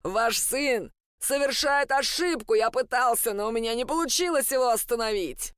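Lady reading as a bitter young guy yelling and jeering, dragging out his insults, dry close sound. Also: fairly high pitch, clear, resonant tone, no room sound, pitched above the performer's own voice. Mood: furious. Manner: shouting, sneering, drawn-out taunts. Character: furious spiteful young man, gallery owner.

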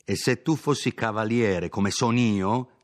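Haughty violent nobleman, commanding and contemptuous, slow deliberate delivery, read by a man, storybook drama. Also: fairly low pitch, pitched above the performer's own voice, lightly acted. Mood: imperious, contemptuous.

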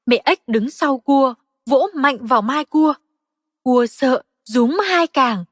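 Slow, high-voiced woman storyteller. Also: dry recording, clean studio sound, big-room sound. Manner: slow, gentle, expressive storytelling. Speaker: narrator. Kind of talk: children's audiobook narration.

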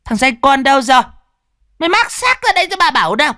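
A man voicing a cruel young stepmother who screeches abuse in a shrill voice. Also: normal speed, fairly bright tone, clean tone, dry recording, clean studio sound, lightly acted. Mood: shrieking, furious.

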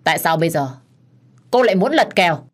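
A woman's voice: lowish voice, expressive, a little fast. A woman voicing a stern, impatient husband who lays down terms curtly in a told story. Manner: firm, curt, impatient.

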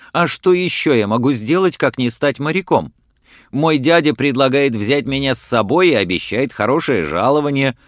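A man's voice: medium pitch, no echo, clean studio sound, pitched above the performer's own voice, natural voice. A man reading aloud voices a defiant nineteen-year-old son who argues insistently with his mother. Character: bold young man of nineteen, defiant and stubborn.

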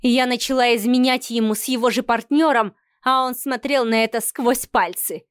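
A woman reading the part of a haughty, cynical middle-aged mother in an audiobook, speaking slowly and sarcastically. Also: a little high, clear, resonant tone, dry recording, clean studio sound, close to an everyday voice. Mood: scornful. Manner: sarcastic, slow and cutting.

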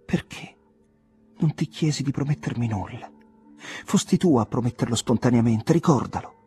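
A man voicing a desperate young woman who pleads with and accuses her lover in an audiobook, with shrill cries. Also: normal speed, darkish tone, breathy edge, faint music behind. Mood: accusing. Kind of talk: audiobook character voice.

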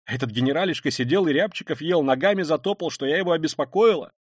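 Male reader playing a haughty consumptive noblewoman on the edge of hysteria; pitched well up, shrill, in a dry audiobook read. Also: fast talker, breathy edge, no room sound. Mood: frantic. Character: feverish consumptive impoverished noblewoman, proud and hysterical.

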